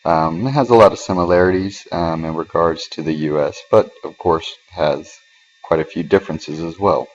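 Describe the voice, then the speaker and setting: A man giving a narrated class presentation as a student, hesitant and filling pauses with "uh" and "um". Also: deep voice, muffled recording. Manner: hesitant, many fillers.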